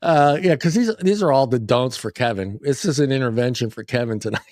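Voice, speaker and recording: A man's voice: mid-range voice, brisk, darkish tone, dry recording. A man co-hosting a casual talk show, teasing the others and laughing often. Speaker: podcast co-host. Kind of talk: casual chat.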